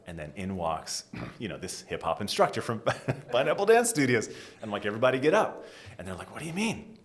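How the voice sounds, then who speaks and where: A middle-aged American man from New England, a design executive giving an animated interview and dropping to a whisper for emphasis. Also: deep voice. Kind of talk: conversational interview.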